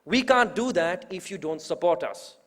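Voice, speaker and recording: Man, 20s, emphatic public speaker with a slightly high voice, recorded with long reverb in a large hall. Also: expressive, moderate pace, fairly bright tone. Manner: rousing, emphatic, with rhetorical repetition. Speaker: youth organizer introducing the main speaker. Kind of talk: public speech at a political event.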